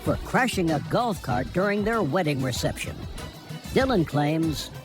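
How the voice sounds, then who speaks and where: A man's voice: on the high side, lively intonation, measured pace, music in the background. A man reading scripted narration as the announcer of a television court show.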